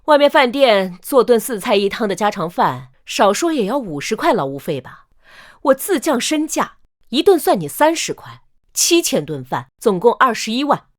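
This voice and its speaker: A woman's voice: fairly high pitch, big pitch swings, moderate pace. An actress playing a fed-up older mother-in-law standing up for herself, pointed and sardonic, in a melodramatic short drama.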